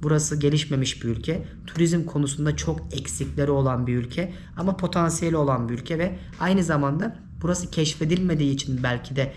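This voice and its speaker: A man from Turkey whose voice is hoarse and giving out from illness, giving informal travel advice as a vlogger. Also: a little high, brisk, few pauses, darkish tone. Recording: noisy ambient background.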